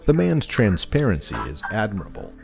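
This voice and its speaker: A man reading scripted, wry commentary as a video host, deadpan and mock-serious. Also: fairly low pitch, brisk, creaky. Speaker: narrator and host of a video compilation channel. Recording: voice-over with music behind.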